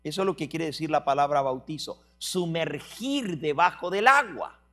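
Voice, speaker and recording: A man preaching a sermon, explaining word meanings slowly and telling a story with acted dialogue. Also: on the high side, lively intonation, fairly bright tone.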